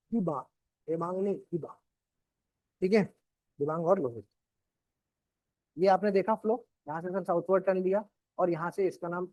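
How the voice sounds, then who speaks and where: A man's voice: sits high, no echo. A male teacher with a Hindi accent giving a classroom geography lecture, explaining step by step, checking in with his students and asking them questions. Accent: Indian Hindi. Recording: dry, dull lo-fi classroom recording.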